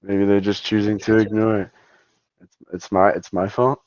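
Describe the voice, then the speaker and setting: A man's voice: fairly low pitch, flat delivery, moderate pace, a little mellow, dry recording, lo-fi sound. A man in casual online voice chat, talking in a laid-back, mumbling, dismissive way. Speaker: voice chat debater.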